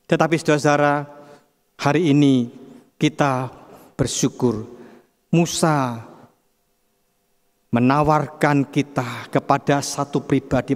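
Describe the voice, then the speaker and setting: Male preacher with a high voice, emphatic sermon delivery, long reverb from a large church hall. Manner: emphatic, keeps addressing the congregation as brothers and sisters.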